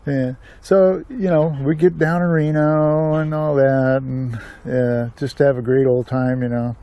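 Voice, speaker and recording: Someone at least in his 60s, an American vlog host, reminisces about earlier days in a rambling, folksy manner, tossing in chuckling asides. His mid-range voice is steady in tone, a bit slow and mellow. The recording sounds muffled.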